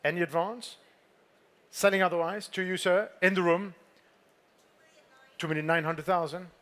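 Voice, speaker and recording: Male fine art auctioneer, high register, formal and composed, repeating bids and courteously nudging bidders during a live sale. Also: steady tone, normal speed, a bit bright. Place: auction saleroom with bidders present.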